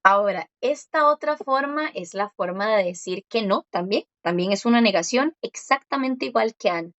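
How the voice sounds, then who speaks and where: A woman teaching a Korean lesson in Spanish, explaining step by step and repeating words slowly. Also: mid-range voice, animated, fairly bright tone, no echo, muffled recording. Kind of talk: one-on-one language lesson.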